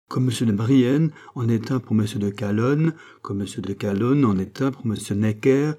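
A man voicing a calm, lecturing male doctor in an audiobook, with rhetorical, insistent phrasing. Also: mid-range voice, close to an everyday voice. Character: male doctor, calm persuasive political thinker. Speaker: character in an audiobook.

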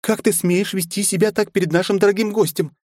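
A man's voice: fairly even intonation, brisk, darkish tone, no echo, studio quality. A man doing a commanding young noblewoman. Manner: high falsetto, firm and imperious. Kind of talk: audiobook character voice.

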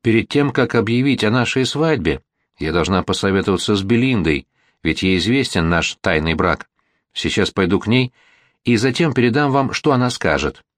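A lady speaks hesitantly and carefully, as a man reading an audiobook voices her. The voice is low and the recording is dry and close. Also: lively intonation, normal speed, no echo, close to an everyday voice. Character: anxious secretly married lady.

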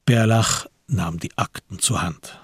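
A man narrating a crime radio play in an even, literary storytelling manner. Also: low voice, slow pace, breathy edge, no room sound, studio quality.

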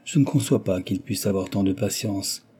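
A man reading an audiobook voices a giddy, mocking young noblewoman who gossips in a lively, teasing way. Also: sits low, normal speed, breathy edge. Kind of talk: audiobook reading of a classic novel.

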